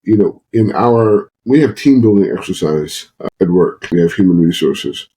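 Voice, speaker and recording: A man's voice: deep voice, animated, normal speed, dark tone, slightly rough, poor audio. A man talking earnestly as a guest on a podcast conversation, sometimes acting out quoted voices. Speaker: guest psychologist.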